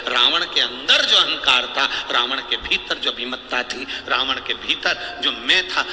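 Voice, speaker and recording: A man's voice: on the high side, sharp tone, slight background noise. A man preaching a devotional sermon, telling a humorous story and acting out the characters' voices. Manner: humorous, teasing asides. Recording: echoey hall with long reverb, faint ambience.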